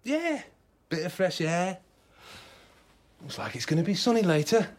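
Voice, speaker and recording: An actor playing a smarmy, breezy boss in a radio sitcom, glib and chummy. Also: male voice, high-pitched, very animated, unhurried, a little hiss or hum. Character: smarmy, breezy young male boss who discards his friends.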